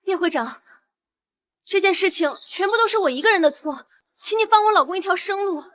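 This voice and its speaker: An earnest, loyal young heiress in a short drama, pleading for her husband. Her voice sits high. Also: animated, a little fast, fairly bright tone.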